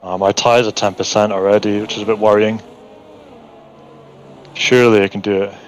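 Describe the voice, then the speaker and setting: A man streaming a sim race, calmly talking through pit strategy in casual chat. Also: fairly low pitch, poor audio. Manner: calm, measured, thinks strategy aloud. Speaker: streamer racing online.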